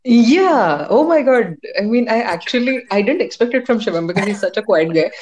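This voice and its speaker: A woman's voice: a little high, animated, a little fast, over a noisy crowd. A woman with a North Indian accent, hosting a podcast in a casual conversational interview style. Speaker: podcast host.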